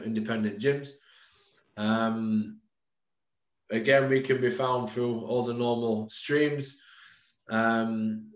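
A man in his thirties from the United Kingdom with a medium-pitched, slightly bright voice leads an informal webinar on a video call. He's a strength and conditioning coach who peppers his talk with ums and calls listeners "guys," recorded on dull, roomy lo-fi webcam audio.

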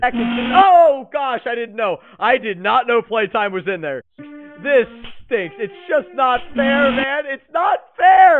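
High-pitched, panicky scared horror game streamer guy. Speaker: gaming video host. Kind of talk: excitable horror game reaction commentary. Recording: tinny, phone-like, noisy audio.

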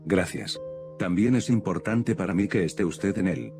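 An earnest, caring young woman in a storybook reading, as a male narrator voices her. Her lines are soft and patient, spoken in a deep, low voice. Music plays steadily underneath. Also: moderate pace, natural voice.

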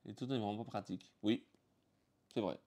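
A man's voice: on the low side, brisk, mellow. A man with a French accent, streaming and chatting casually with crude, teasing jokes.

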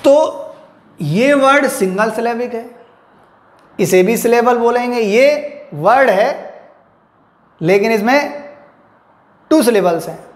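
A man's voice: very high-pitched, expressive, slow, long pauses. A male English teacher giving a classroom lecture, explaining step by step, asking and answering his own questions, and mixing English terms into his Hindi. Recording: echoey room.

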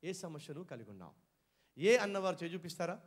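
A male pastor, preaching to a congregation and asking them questions again and again, shifting from low murmurs to loud exclaims. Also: sing-song, fast talker. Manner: mixes English phrases into his preaching. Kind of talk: sermon. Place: church hall with a congregation.

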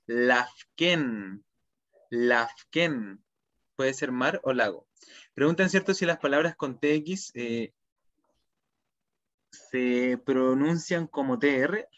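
Male teacher, slow and patient, repeats each word, dull lo-fi call sound. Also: medium pitch. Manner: slow, repeats each word twice, then gives its meaning. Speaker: language teacher. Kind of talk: online vocabulary class. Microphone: video call.

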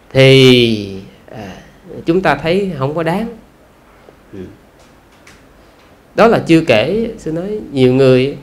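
A man, a Buddhist monk with a Southern Vietnamese accent, giving a conversational dharma talk full of rhetorical questions and drawn-out "à" fillers. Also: on the high side.

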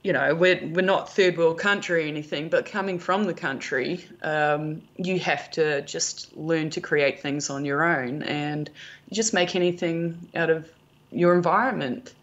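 A middle-aged woman from rural New Zealand, a film producer and prop maker, chats casually as a podcast interview guest. She tells anecdotes and quotes conversations, speaking in a low, unhurried voice with a fairly bright tone and a New Zealand accent. The recording is muffled.

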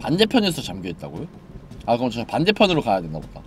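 A man streaming a horror game live, chatting and joking with viewers, dropping to mumbles and then yelling in excitement. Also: mid-range voice, fast, background noise.

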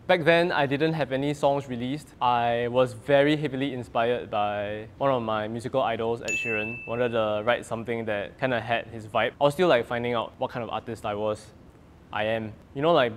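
A young adult singer-songwriter with a mid-range voice chats casually in an interview. He has a Singaporean accent with light touches of Singlish.

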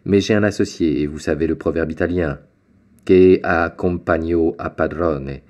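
Jovial fatherly shipowner, read by a man, very deep voice, hearty, storybook. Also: normal speed, darkish tone, lightly acted. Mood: paternal. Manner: hearty, paternal. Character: jovial middle-aged male shipowner.

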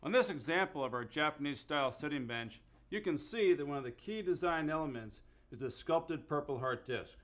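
Middle-aged man explaining woodwork in his workshop. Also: fairly high pitch. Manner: clear, methodical explaining with mild enthusiasm. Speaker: host and woodworker. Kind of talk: instructional woodworking demonstration. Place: indoor wood workshop.

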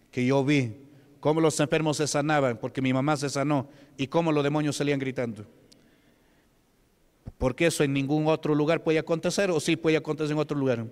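A man's voice: fairly high pitch, clear, resonant tone. A man with a Peruvian Spanish accent giving a conversational testimony sermon as a pastor, often putting questions to his congregation. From Peru. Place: church hall. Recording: long hall reverb.

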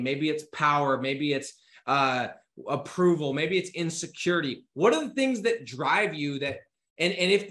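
Male, 30s, business coach, punchy motivational delivery, casual swearing; bright edge, roomy echo. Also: fairly high pitch. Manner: energetic, urgent, swears casually; gestures a lot with his hands while talking. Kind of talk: motivational talk to camera. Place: home office with bookshelves.

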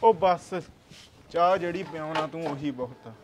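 A man's voice: a little high, normal speed, background noise, lightly acted. A man with a Punjabi accent playing a frustrated shopkeeper friend who keeps demanding repayment. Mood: insistent.

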